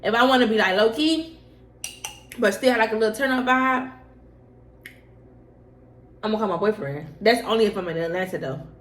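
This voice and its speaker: A young adult woman speaks at normal speed in a slightly high, expressive voice, pausing often. She's a vlogger doing a laid-back mukbang, answering personal questions with slang and emphatic repetition, while the room echoes and faint noise lingers.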